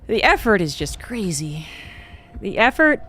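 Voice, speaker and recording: This game streamer has a high voice and an unhurried delivery, with a slight hiss or hum in the audio. His talk is loose and laid-back, wandering through casual gameplay chat full of filler words.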